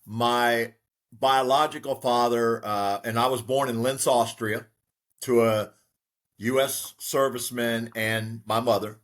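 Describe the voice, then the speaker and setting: Appearing as a guest in an interview, an American man in his sixties who works as a real estate broker recounts his life. He speaks at a measured pace in a mid-range voice, reflective and steady, often using fillers.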